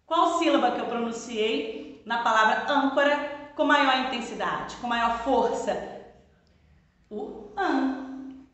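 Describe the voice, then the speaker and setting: A woman's voice: fairly high pitch, slow, pauses often, fairly bright tone. Brazilian woman teacher in an echoey room. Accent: Brazilian Portuguese. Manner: stretches words to stress syllables, asks and answers her own questions. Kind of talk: recorded classroom lesson for pupils. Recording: echoey room with long reverb.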